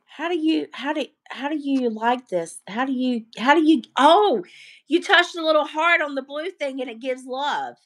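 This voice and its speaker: A woman's voice: high voice, moderate pace, fairly bright tone. A woman in her forties co-hosting a casual live stream from home, playful and teasing, fumbling with the phone app. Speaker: co-host of the live. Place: living room at home. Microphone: phone held at arm's length.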